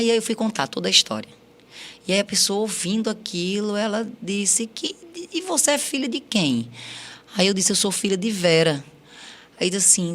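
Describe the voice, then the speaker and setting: A woman's voice: on the low side, fairly bright tone. A woman on a podcast recounting her life story, acting out quoted dialogue with many repeats.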